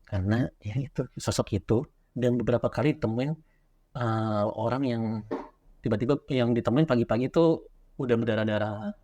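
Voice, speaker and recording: A young man rattles through a memory at a quick clip. His voice sits mid-range and animated. It is casual podcast chat, with no polish. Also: medium pitch. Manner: animated storyteller, quick and loose. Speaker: guest, horror story writer. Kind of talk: casual podcast chat, recounting a childhood experience.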